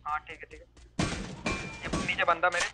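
A man playing on a squad and calmly giving tactical directions to his teammates. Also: a little high, a little fast, loud music behind the voice. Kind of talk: live gameplay squad chat.

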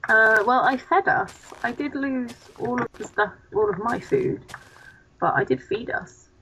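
A woman's voice: fairly high pitch, expressive, a little slow, pushed and bright, a little hiss or hum. A young woman hosting a co-op game video, chatting in a rambling, giggly, self-mocking way. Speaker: let's play host. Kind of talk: casual co-op gaming chat. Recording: dull lo-fi mic.

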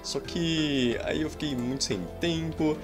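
A young gameplay streamer with a Brazilian Portuguese accent gives playful, rambling commentary full of roleplay jokes and sudden excited outbursts. His pitch is fairly high and he takes his time. It's recorded indoors at home, with faint game music behind him.

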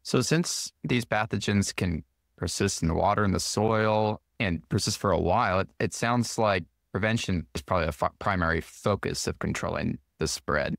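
A man's voice: low-pitched, normal speed, gravelly, a bit bright, no room sound. A man hosting a podcast interview, asking curious, conversational follow-up questions. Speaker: podcast host.

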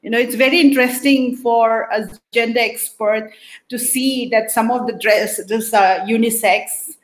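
Slow-talking woman with a Naga accent. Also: on the high side, steady tone, poor audio. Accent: Naga, northeast Indian. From Manipur, northeast India. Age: middle-aged. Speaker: guest, sociology professor. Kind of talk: interview talk. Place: book-lined room at home. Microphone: video call.

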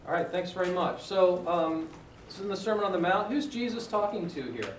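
A man's voice: high-pitched, animated, a little fast, a little hiss or hum. A man leading a church class discussion, talking conversationally, asking the class questions and joking with them. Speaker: class leader. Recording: echoey room, mic far off.

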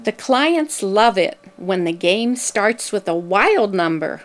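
A woman reading scripted narration for a promotional video in a measured, explanatory way. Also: mid-range voice, expressive.

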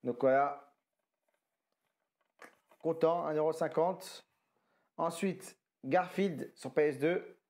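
A man's voice: fairly high pitch, takes it slowly, pauses often, darkish tone. Tired, rambling French-speaking man. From France. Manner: rambling, self-correcting, slangy. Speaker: retro game collector vlogger. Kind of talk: casual haul commentary.

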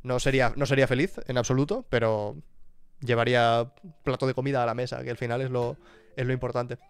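Smooth-voiced man chatting on stream. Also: medium pitch, flat delivery, brisk. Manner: thinks aloud, with frequent restarts and asides. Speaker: streamer and YouTuber. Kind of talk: casual live-stream chat.

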